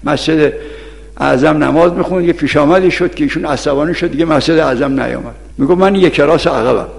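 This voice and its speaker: A man's voice: fairly high pitch, vocal fry. A man, a cleric, preaching an ethics lesson to seminary students, telling anecdotes and admonishing his listeners. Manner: admonishing, storytelling, quotes sayings of scholars. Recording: long hall reverb.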